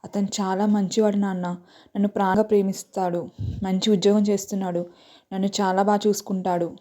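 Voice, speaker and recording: A woman's voice: medium pitch, little pitch movement, brisk, mellow, close to an everyday voice. A woman voicing a young daughter, tearful and pleading with her father.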